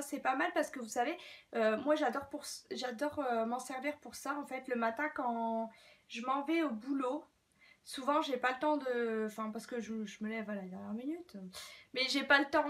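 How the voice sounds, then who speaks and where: At home, a talkative young Frenchwoman who works as a beauty vlogger chats casually about her newest shopping haul for a video. Her high, bright voice rambles along, full of fillers and stumbles.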